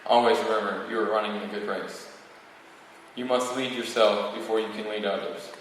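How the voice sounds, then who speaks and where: This is an eighteen-year-old student valedictorian giving a prepared podium speech, reading it with the occasional stumble. He speaks at a normal speed in a voice on the low side, with fairly even intonation and a slightly bright quality. The recording comes from a distant mic in a large, very reverberant hall full of listeners, with faint noise.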